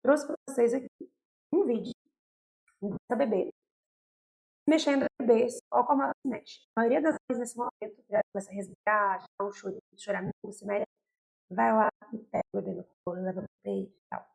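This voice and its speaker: A woman's voice: medium pitch, fairly even intonation, a little fast, gravelly, darkish tone, low-quality recording. A young Brazilian woman pediatrician explaining baby care to parents in a direct, explanatory way, often checking in with "tá?" and "né?". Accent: Brazilian Portuguese. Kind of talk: educational talk to parents.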